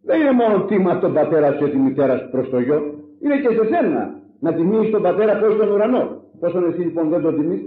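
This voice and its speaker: Animated preacher man in an echoey lo-fi recording. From Greece. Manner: animated, rhetorical, switching between loud exclamations and low asides. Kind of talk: sermon.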